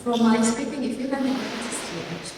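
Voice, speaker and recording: A woman in her thirties with a Congolese accent, a poet reading her work and talking about it, slow and measured with long pauses. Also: on the high side, animated, noisy background. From Congo, raised in Ireland. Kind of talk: poetry reading and talk. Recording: echoey hall from far off.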